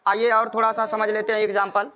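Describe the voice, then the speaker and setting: In a classroom explanation, this North Indian man, whose first language is Hindi, drills grammar with emphasis and repetition, spelling out examples one word at a time. He talks fast and monotonously in a high, bright, forceful voice.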